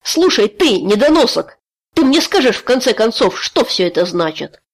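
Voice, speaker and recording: A woman's voice: a little high, very animated, normal speed, voice pushed up. A woman voicing an enraged young man whose memory was stolen, crying out in indignant outbursts. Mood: furious.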